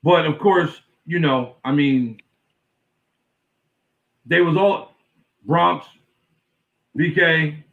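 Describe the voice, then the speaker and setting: A man's voice: on the high side, very slow, creaky, pauses often, a bit bright. A man who is a guest host on a casual chat, explaining his points in a laid-back way. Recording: distant, dull lo-fi remote audio.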